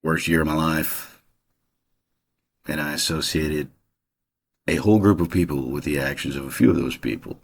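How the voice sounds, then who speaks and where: A man with a very low, husky voice talks through his family background as if chatting with a friend. He rambles, stops and restarts, and fills the gaps with "uh" and "you know", sounding unscripted. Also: steady tone, moderate pace, long pauses. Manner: rambling, conversational, many fillers and restarts. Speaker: channel host. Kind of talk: casual personal monologue.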